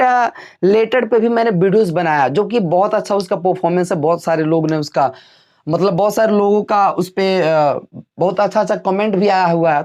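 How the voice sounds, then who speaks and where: A man teaching an English pronunciation lesson, asking the class questions and answering them himself. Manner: drills with repeated questions, answers dropping low.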